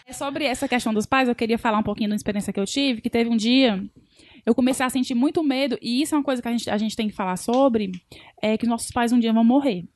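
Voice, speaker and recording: A woman's voice: fairly high pitch, quick pace, darkish tone. A woman co-hosting a podcast in casual chat, speaking with affection. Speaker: podcast co-host.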